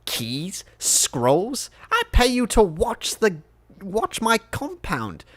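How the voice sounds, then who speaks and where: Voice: very animated, extremely slow, full character voice. A game master voicing a grumpy male nobleman roused at night, irritable and prone to exclaiming. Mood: irritated. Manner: irritable, exclaiming, pitch leaping high. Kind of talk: tabletop role-play voice acting.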